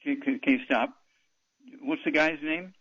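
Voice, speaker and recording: A man's voice: fairly high pitch, steady tone, unhurried, husky, no echo, dull audio. A man hosting a call-in radio advice show, blunt and dismissive, often interrupting callers. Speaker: radio talk show host.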